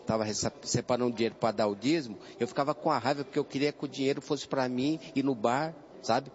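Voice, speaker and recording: An older man in his sixties tells his story of faith in a halting, repetitive way, often stopping to restart a word. His voice comes through a dull, lo-fi radio recording. A faint hiss sits behind him. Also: medium pitch, darkish tone. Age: 60s. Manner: hesitant, repeats words, addresses listener as brother. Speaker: church testimony guest. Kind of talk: personal religious testimony.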